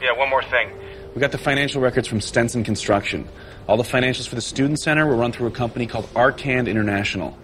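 A businesslike detective calling in, his voice coming over a speakerphone. He talks quickly, at a mid pitch, with faint noise behind him and a distant sound. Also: fairly bright tone. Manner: brisk, businesslike reporting. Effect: heard over a phone on speakerphone. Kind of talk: TV drama acting.

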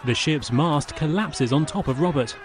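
A man's voice: a little high, moderate pace, some chatter behind. A man giving scripted, matter-of-fact audio description of action in the present tense.

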